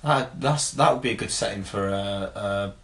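A man's voice: lowish voice, moderate pace, fairly bright tone, breathy edge. A man, co-hosting a casual podcast chat, rambling and laughing often as he reads out listener emails. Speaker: podcast co-host.

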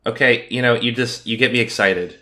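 A man co-hosting a casual comedy podcast, chatting in a playful, teasing and excitable way. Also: mid-range voice, fairly quick. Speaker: podcast co-host.

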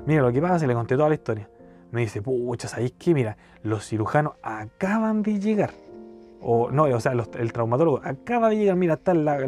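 A man's voice: medium pitch, dark tone. A young man with a Chilean accent telling a rambling personal story in slangy casual speech. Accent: Chilean Spanish. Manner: rambling, slangy, keeps saying cachai. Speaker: podcast storyteller.

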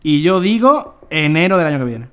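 A man's voice: a little high, big pitch swings, normal speed, fairly bright tone, smooth. A man from hosting a podcast, chatting and joking casually with his co-hosts. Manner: joking, closes the show. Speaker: podcast host. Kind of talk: casual chat.

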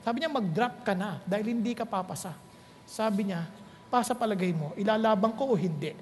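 A middle-aged man preaching a sermon, telling stories with laughter and lively swings. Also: high-pitched, brisk, slight background noise. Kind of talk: sermon in mixed Tagalog and English. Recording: long hall reverb.

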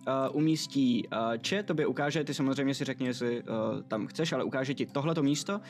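A man narrating a tabletop game as game master, relaxed and hesitant with fillers. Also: medium pitch, faint music behind.

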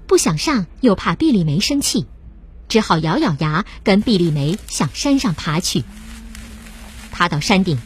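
A woman narrating a story in a steady, plain storytelling way. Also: lowish voice, breathy edge. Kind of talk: scripted narration.

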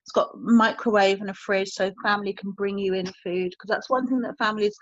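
A woman's voice: medium pitch, steady tone, a little fast, no room sound. A woman, speaking as a guest and telling a personal story candidly and reflectively, often searching for her words. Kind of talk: emotional personal story in conversation. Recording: dry, slightly dull lo-fi audio.

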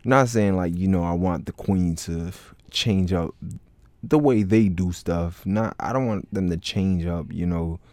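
A man's voice: sits low, unhurried, darkish tone, dry recording. A man from Florida hosting a solo podcast, rambling casually with many filler words and restarts. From Florida, United States. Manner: rambling, heavy on "like, you know" fillers and restarts. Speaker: podcast host.

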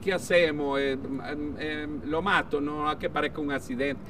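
A man's voice: a little high, fairly even intonation, moderate pace, background noise. A Venezuelan man, a regular comedian on the show, bantering casually with wry, joking interjections.

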